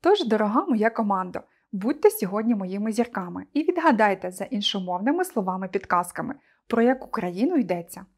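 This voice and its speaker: A woman teacher presenting a scripted online lesson, speaking clearly and deliberately to her pupils. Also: medium pitch, sing-song, a little mellow.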